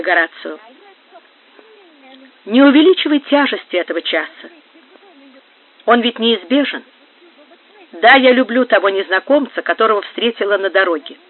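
A man reading a young woman who pleads tearfully with a rejected lover, heard through a narrow phone-like sound. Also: high-pitched. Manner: pleading, emotional.

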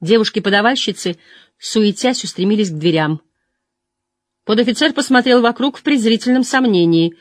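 An audiobook narrator reading a fantasy novel at a middle pitch. The manner is measured, and the voice sinks low and quiet as phrases end. The sound is close and dry, recorded on a studio mic. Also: animated, no echo.

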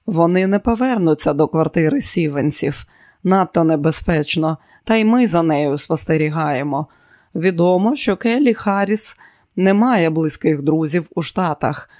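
A man voicing an arrogant, scheming man who is quick to rage, with a boastful, commanding way of talking. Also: a little high, animated, a little mellow, no room sound, clean studio sound, close to an everyday voice. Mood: smug.

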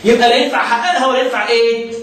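A man with a fairly high voice and an Egyptian accent, teaching as a sheikh of Quran recitation. He chants lines of verse slowly, then explains them in a quick colloquial way, asking his listeners questions as he goes. His voice rings through a very echoey room from a mic set well back. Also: fairly even intonation, a bit bright, far from the mic. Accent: Egyptian Arabic. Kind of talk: religious lesson explaining a chanted poem.

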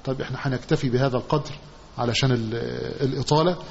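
A man with an Egyptian accent teaching a hadith commentary lesson, often quizzing his listeners with a drawn-out "what?" and repeating the answer. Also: medium pitch, darkish tone. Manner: asks the class questions, repeating phrases with a drawn-out "what?". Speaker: religious teacher. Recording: dull lo-fi recording with faint hiss.

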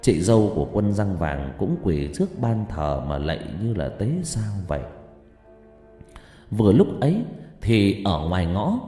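A man narrating a ghost story in an expressive, dramatic way, recorded in an echoey room. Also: low-pitched, unhurried, soft background music. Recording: echoey room with long reverb.

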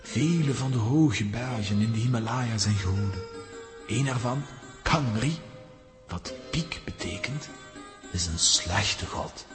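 A male actor with a medium-pitched voice and lively intonation plays the gravely wise head lama of a mountain monastery, telling a mountain legend in a solemn, formal, measured manner. It's a Dutch-language children's audio drama, recorded in a long, reverberant hall with music behind.

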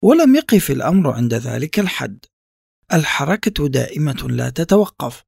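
A man reading a reflective first-person literary text in a measured, contemplative way. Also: on the high side, very animated, vocal fry, darkish tone, breathy edge, no room sound, clean studio sound. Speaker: narrator.

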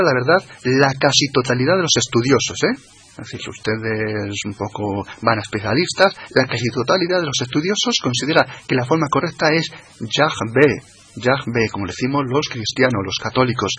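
Hoarse man explaining slowly. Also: mid-range voice, expressive, fairly bright tone. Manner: slow, repeats and spells out words. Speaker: guest expert on religion. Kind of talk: explanatory radio talk.

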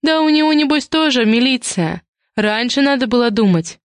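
A woman reading an audiobook and voicing a sharp-tongued, mocking woman who interrogates others. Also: on the high side, lively intonation, moderate pace, no echo, pitched above the performer's own voice, natural voice. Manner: snorting, sarcastic, interrogating.

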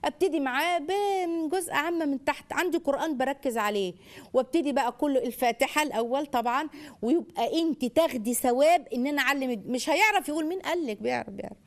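A woman with an Egyptian accent hosting a call-in parenting show, animated and sing-song as she models phrases for children. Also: sits high, racing. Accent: Egyptian Arabic. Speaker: parenting educator and radio show host. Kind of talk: call-in advice talk.

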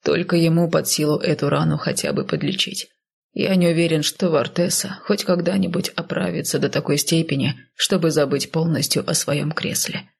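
A woman voicing a male healer who speaks dryly and without emotion, in a low mumble. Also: moderate pace, vocal fry, husky, heavily acted. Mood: dry clinical. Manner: dry, flat and unemotional, mumbling. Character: dry, matter-of-fact male healer.

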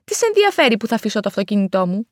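A woman's voice: mid-range voice, big pitch swings, no room sound, clean studio sound, close to an everyday voice. A woman reading the part of an irritated driver who brushes off a stranger's complaints. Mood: annoyed. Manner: dismissive, annoyed.

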